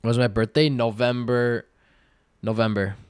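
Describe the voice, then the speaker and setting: Young man, early twenties, laid-back slangy streamer chat, smooth clear voice, dry close sound. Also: medium pitch, normal speed, dry recording. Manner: relaxed slangy talk, filler-heavy, reads chat aloud. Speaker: day-trading livestreamer. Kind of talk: casual live-stream chat, answering viewer questions.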